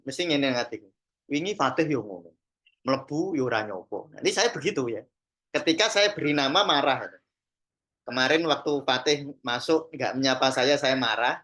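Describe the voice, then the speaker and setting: A man's voice: a little high, sharp tone. Javanese-accented man teaching casually. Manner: conversational, mixes in Javanese phrases, acts out examples. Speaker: Sufi teacher and therapist trainer. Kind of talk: informal teaching talk to a class.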